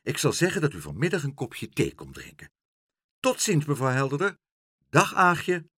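A man voicing a kindly, clever male doctor who talks calmly and persuasively. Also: on the high side, moderate pace, breathy edge, no echo, pitched above the performer's own voice, heavily acted. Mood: brisk.

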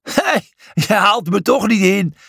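A man's voice: on the high side, sing-song, moderate pace, breathy edge, no room sound, studio quality, heavily acted. A man voicing Brutus, a cheeky, boastful hoofed animal who talks brashly in a storybook reading.

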